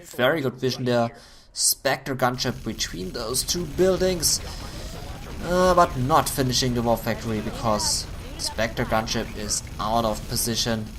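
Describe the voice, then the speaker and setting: A man commentating a video game match on his own, getting excited at big plays, his voice going hoarse. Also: mid-range voice, unhurried, crowd noise. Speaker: esports caster.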